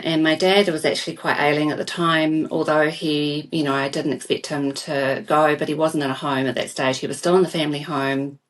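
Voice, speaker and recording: A woman from New Zealand, a podcast guest, speaking softly and earnestly and often repeating words as she starts a thought. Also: sits low, recorded from a distance. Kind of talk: podcast interview.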